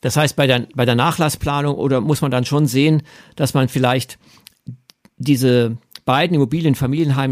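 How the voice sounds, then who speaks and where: A man hosting a podcast, explaining inheritance matters in a measured way with occasional fillers. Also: medium pitch, no room sound, clean studio sound. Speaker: podcast host.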